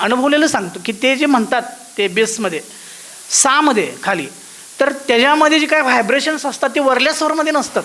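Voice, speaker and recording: In a low-quality recording, a man with a very high, thin, bright voice and a forceful tone teaches a devotional course. He often asks whether his listeners follow and sings out musical notes as he explains them.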